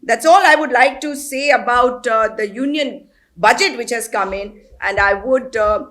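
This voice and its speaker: A woman, a party media coordinator, giving a measured press conference statement with some hesitation. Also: on the high side, a bit bright.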